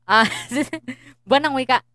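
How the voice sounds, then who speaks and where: A young student co-hosting a casual podcast, joking about himself and pausing to search for words. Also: male voice, extremely high pitch, sharp tone, smooth, no room sound. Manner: joking, self-deprecating, often searches for words. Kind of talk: casual Tagalog podcast chat.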